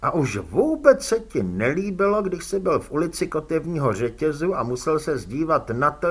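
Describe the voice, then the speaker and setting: A man reading an audiobook, voicing a calm male police commander who talks slowly with quiet, probing irony. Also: on the high side, husky. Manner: slow, quietly ironic, probing.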